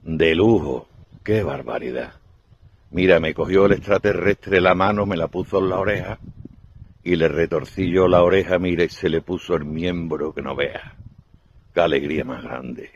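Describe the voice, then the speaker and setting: A man voicing a middle-aged wife who gushes in a low, hushed voice. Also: moderate pace, husky, muffled recording. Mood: gushing. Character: delighted middle-aged woman, gossipy wife.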